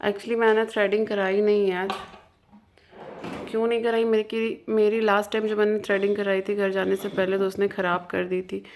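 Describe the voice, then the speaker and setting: A woman's voice: mid-range voice, level tone, moderate pace, a little mellow, a little hiss or hum. A woman vlogger chatting casually, telling the story of her day and mixing English words into her talk.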